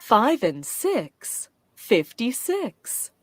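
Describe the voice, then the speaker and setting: A woman working as a bingo caller, announcing rhyming number nicknames in short, deliberate, separated calls. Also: fairly high pitch, wildly swooping pitch. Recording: loud music behind the voice. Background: loud music.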